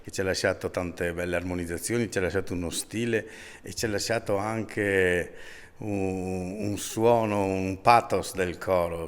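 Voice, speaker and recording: A man who directs a choir, answering interview questions in an earnest, reflective and fluent way. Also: low voice. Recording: reverberant hall with faint ambience.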